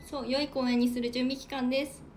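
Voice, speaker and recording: A woman from Hokkaido sits close to the mic for a solo livestream and talks in a high, bright register. She reads out viewer comments and thanks each one in a relaxed, playful way, snacking as she goes. A faint hiss of background noise sits under her voice. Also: fairly quick. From Hokkaido, Japan. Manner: chatty, playful, eats while talking. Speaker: idol livestreamer. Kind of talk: casual solo livestream chat.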